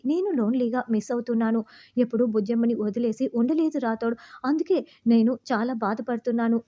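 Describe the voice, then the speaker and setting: A woman narrating a recap of a TV serial episode, reading out the characters' lines in a steady storytelling manner. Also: a little high, highs cut off.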